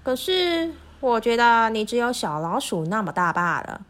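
A woman voicing an arrogant male goose in a children's story, speaking in a condescending, drawn-out way. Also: fairly low pitch, sing-song, fairly bright tone, full character voice. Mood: haughty.

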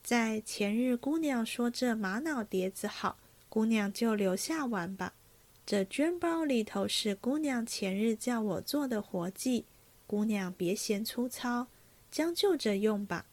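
A woman voicing a calm, sensible senior maid who speaks softly and with measured care. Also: a little high. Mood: gentle.

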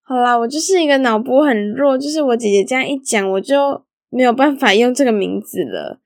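A woman's voice: on the high side, lively intonation, fairly quick, gravelly, a little mellow, no echo, studio quality. A young woman hosting a solo podcast, telling stories in a chatty, giggly way with lots of casual fillers. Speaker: podcast host.

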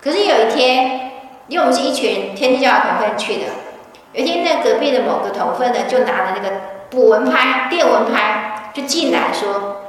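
A woman's voice: high voice, fairly quick. A middle-aged woman, telling a story casually at a religious gathering and acting out the dialogue. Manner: chatty, acts out quoted dialogue, tags sentences with "ha". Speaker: member sharing a testimony at a religious gathering. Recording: echoey hall from far off.

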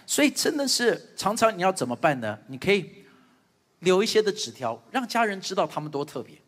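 A middle-aged man preaches from a church stage and tells family stories with lively voices for each person. His voice sits high and sounds slightly husky, and his pitch swings widely from line to line. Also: a little fast, big-room sound. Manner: animated storytelling, acting out family dialogue. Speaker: pastor. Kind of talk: sermon.

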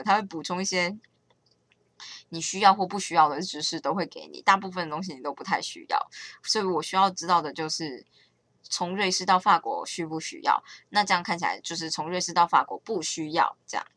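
Young woman with a Taiwanese Mandarin accent, bright voice. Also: lowish voice, no room sound. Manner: rambling, self-correcting, playful. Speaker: vlogger. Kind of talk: casual chat to camera.

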